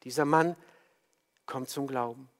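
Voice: medium pitch, fairly even intonation, unhurried. Ein Prediger hält eine Predigt, spricht die Zuhörer direkt und eindringlich an und erzählt eine Geschichte. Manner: warm, exhortative, direct address to listeners. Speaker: preacher. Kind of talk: sermon.

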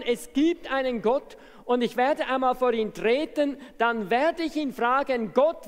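A man voicing an angry heckler who shouts and laments at a preacher. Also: very high voice. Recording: reverberant hall.

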